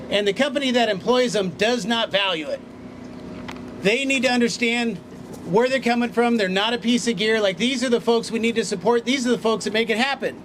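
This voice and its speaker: A man's voice: very high-pitched, noisy background. A man speaking earnestly at an outdoor union rally as vice president, beside hotels. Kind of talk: rally speech. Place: outdoors by hotels and convention center.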